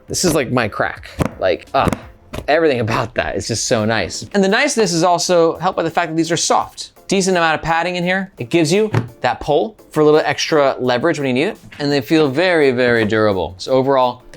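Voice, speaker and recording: A man's voice: a little high, lively intonation, a little fast. Guy reviewing luggage, jokey and slangy, voice bouncing up and down a lot. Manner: chatty and playful, with slang and jokes. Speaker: bag reviewer. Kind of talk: casual product review.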